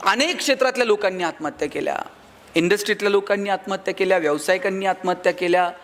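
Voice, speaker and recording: Man, high voice, motivational speaker, humorous storytelling, live speech to an audience. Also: rapid-fire, a bit bright. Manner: humorous storytelling, acts out quoted people.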